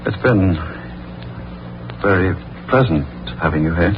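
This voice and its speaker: An actor playing a middle-aged judge, a smitten and evasive husband, speaking in measured, formal, hesitant phrases in a 1940s radio drama. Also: male voice, deep voice, lively intonation, noisy background. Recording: muffled 1940s radio recording with music.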